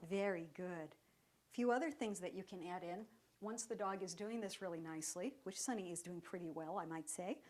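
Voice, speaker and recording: A woman dog trainer giving a step-by-step lesson, speaking in a calm, even voice while she works with a dog. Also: fairly low pitch, brisk. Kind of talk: instructional demonstration.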